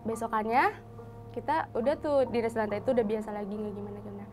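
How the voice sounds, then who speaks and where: A young woman with a fairly high voice tells a story in casual slang. She switches voices often to act out the people in the story. A faint music bed plays underneath her. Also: fast. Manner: animated, acts out quoted dialogue in shifting voices. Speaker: hospital nursing intern telling a ghost story.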